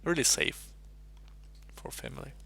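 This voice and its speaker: A man's voice: measured pace, sharp tone. A man from Russia chatting casually on a live stream, rambling and thinking aloud as he solves chess puzzles at his desk mic.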